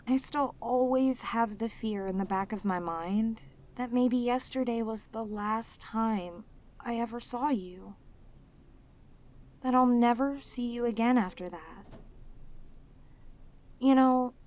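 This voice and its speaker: A woman performs an ASMR audio roleplay as a lonely, clingy, sweet female demon. Her voice is on the high side and a little mellow, and she sounds earnest, halting, and pleading.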